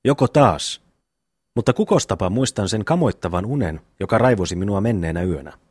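A man's voice: lowish voice, animated, a little mellow, slightly rough, no echo, clean studio sound. A man voicing a brash, bossy eldest peasant brother in a classic audiobook reading. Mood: blustering. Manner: bossy, quick to scold.

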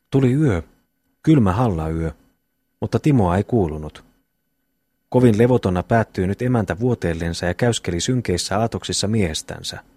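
A man narrating a classic novel as an audiobook reader, in a measured, even storytelling manner. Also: on the low side, husky, dry recording.

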